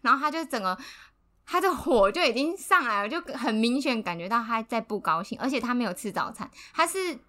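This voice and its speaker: Young woman, podcast co-host, casual storytelling, bright tone, a bit high, laughs a lot. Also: a little fast. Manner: animated, laughs often, acts out quotes.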